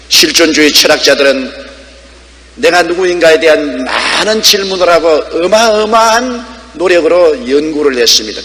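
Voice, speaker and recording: A man's voice: on the high side, sharp tone. An older man preaching a sermon with emphatic, sweeping delivery. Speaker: pastor. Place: church sanctuary. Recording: long hall reverb.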